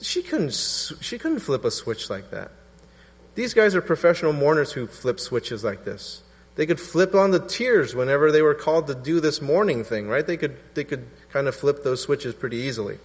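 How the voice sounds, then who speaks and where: A man in his thirties preaching a sermon in a relaxed, conversational way, acting out quotes in different voices. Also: a little high, moderate pace, husky. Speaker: pastor. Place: church hall. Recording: reverberant church hall.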